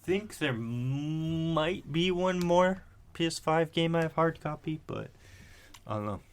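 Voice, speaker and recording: Here a man in his thirties co-hosts a podcast from home, talking casually in a rambling way, fixing his own words as he goes and letting the odd swear slip. He has a higher-pitched, clean-toned voice with lively intonation and takes his time.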